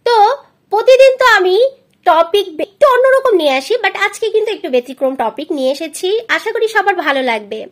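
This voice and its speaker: A woman with a Bengali accent teaching letter sounds to children, modeling each sound slowly and clearly. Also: very high voice, big pitch swings. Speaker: English teacher on a video channel. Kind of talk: phonics lesson for children.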